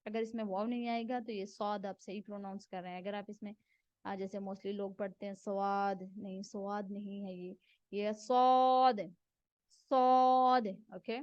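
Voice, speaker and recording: A woman's voice: mid-range voice, level tone, a little fast, no room sound. A woman giving a Quran reading lesson, patiently repeating each letter sound several times. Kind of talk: step-by-step pronunciation lesson. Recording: dull, dry close recording.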